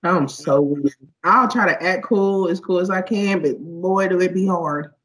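A young woman in casual chat, slangy and animated, laughing often. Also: on the low side, a little slow, rough recording.

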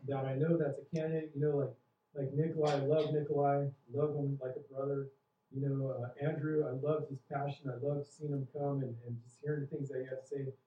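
A man's voice: mid-range voice, warm tone, slight background noise. A man preaching a sermon as pastor, earnest and questioning the congregation, building in intensity. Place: church hall. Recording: roomy, distant, dull church recording.

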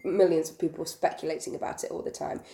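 A woman hosting a casual podcast, her voice croaky and creaky from being ill. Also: sits low, fairly even intonation, fast talker, warm tone. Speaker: podcast host. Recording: roomy echo.

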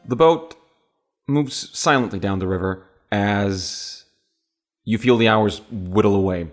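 A low-voiced man runs a tabletop game as game master. He narrates in a loose, rambling way, stopping and restarting often as he describes the scene. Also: slow, soft background music. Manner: rambling, with frequent fillers and restarts.

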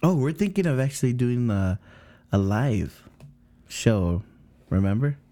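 A man's voice: mid-range voice, very animated, unhurried, mellow, dry recording. An American man chatting and bantering casually as a podcast co-host.

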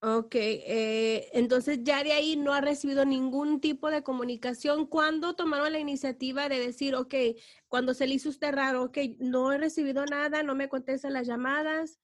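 A woman with a high voice hosts a radio interview. She asks her questions gently and hesitantly, with soft fillers between them. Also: fairly even intonation, moderate pace.

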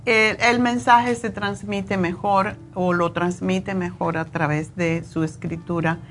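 A woman's voice: on the low side, fairly even intonation, slow pace, slight background noise. A woman hosting a health radio show, agreeing readily and adding her own remarks. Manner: agreeable, affirming interjections. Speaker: radio host.

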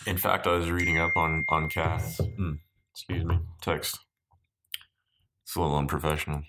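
A man's voice: extremely low pitch, flat delivery, normal speed, bright, forceful tone, slight background noise. A man with a stuffed-up, nasal voice chatting casually as a podcast host in a dry, rambling, joking way. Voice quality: stuffed-up, nasal voice from a deviated septum. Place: at home in an apartment.

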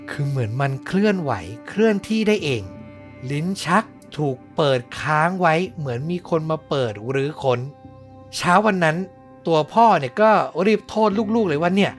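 A man's voice: animated, normal speed, soft background music. A man telling a true story in a casual podcast chat, acting out quoted lines now and then. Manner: conversational, uses polite particle khrap; acts out quotes with raised pitch.

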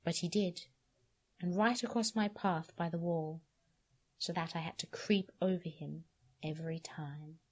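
A woman podcast host giving an expressive dramatic reading of a story, dropping to hushed lines and rising to sharp cries, then chatting casually about it. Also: on the low side, unhurried.

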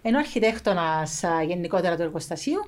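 A woman from Cyprus with a Cypriot Greek accent speaks casually as an interview guest; she owns a clothing factory. Her voice is fairly low and animated, and she talks emphatically, repeating phrases for stress.

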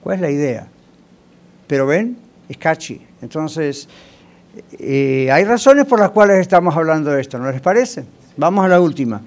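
A man's voice: on the high side, animated, normal speed. A male pastor preaching a sermon in a conversational way, often asking the congregation rhetorical questions.

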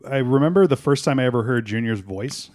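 A man's voice: medium pitch, animated, fast talker, a little mellow. A man co-hosting a podcast in casual chat, swearing freely and telling rambling stories. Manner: profane, rambling storyteller. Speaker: podcast co-host.

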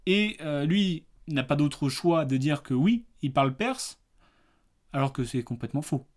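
A man's voice: fairly high pitch, lively intonation, unhurried. A man hosting a casual film review podcast, in plain everyday speech. He talks in a loose, chatty way, stumbling through hesitations and fillers. He runs little quiz games with a playful, teasing edge. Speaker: podcast host.

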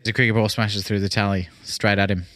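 A man's voice: on the low side, level tone, quick pace, a bit bright, no echo, studio quality. An Australian man co-hosting a music podcast in a casual, conversational style. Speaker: podcast co-host.

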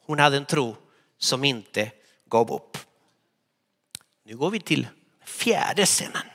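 Bright-voiced preacher in a reverberant church. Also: male voice, mid-range voice. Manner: animated storytelling preacher, acts out voices. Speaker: pastor. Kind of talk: sermon.

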